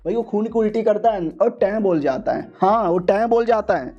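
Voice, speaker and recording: A man narrating a manga recap in a slangy, joking style with quick asides. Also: sits high, lively intonation, darkish tone. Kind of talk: comedic story recap. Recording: dull lo-fi sound.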